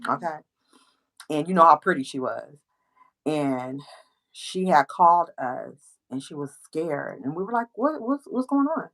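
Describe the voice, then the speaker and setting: A woman hosting a casual chat, telling a story with lively acted-out quotes. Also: deep voice, unhurried, gravelly, pauses often, low-quality recording. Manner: animated storyteller, acts out quoted voices. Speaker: host.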